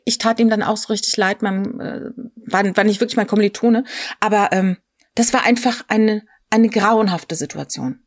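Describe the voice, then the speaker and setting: Eine Frau mittleren Alters erzählt lebhaft und mit vielen Füllwörtern eine persönliche Geschichte im lockeren Gespräch. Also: female voice, medium pitch, moderate pace, no echo, studio quality. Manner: animated storytelling with many fillers and quoted voices. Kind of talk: casual conversation, personal anecdote.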